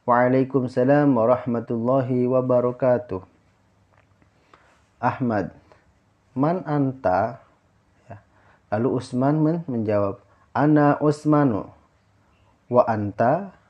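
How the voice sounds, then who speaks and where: A man's voice: medium pitch, lo-fi sound. A man teaching a class lesson, explaining patiently, repeating himself and restarting words, often adding "ya" as a filler.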